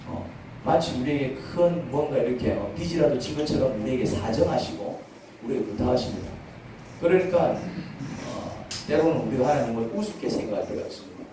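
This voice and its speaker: A man's voice: medium pitch, lively intonation, brisk, heavy reverb, distant mic, background noise. A male pastor preaching a sermon in a church, speaking conversationally and asking the congregation many questions. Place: church sanctuary.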